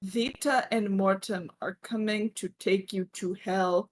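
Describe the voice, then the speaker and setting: A woman's voice: mid-range voice, fairly even intonation, measured pace, lightly acted, rough recording. A woman reading as a curt, dramatic demon lord. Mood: dismissive.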